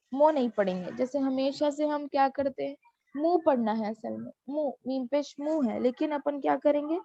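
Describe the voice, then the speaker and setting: A woman teaching Quran reading, spelling out syllables one by one and adding quick explanations. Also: high-pitched, gravelly, dry recording, highs cut off. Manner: spells each syllable slowly, then explains in quick asides. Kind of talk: slow drilled lesson recital.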